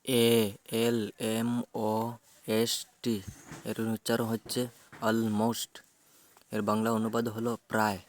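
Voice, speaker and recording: English words are spelled out letter by letter by a man with a fairly low pitch, who then gives the Bengali meaning of each. He teaches this vocabulary in a steady, measured manner.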